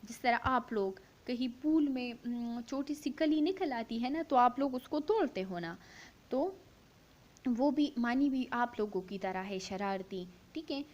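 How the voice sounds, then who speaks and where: A woman teaching young schoolchildren, reading a story aloud slowly line by line, repeating each line and then explaining it with questions she answers herself. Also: a little high, lively intonation, a little mellow, highs cut off. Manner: slow, syllable-by-syllable reading, repeating each line for pupils to follow; asks the class questions and answers them herself.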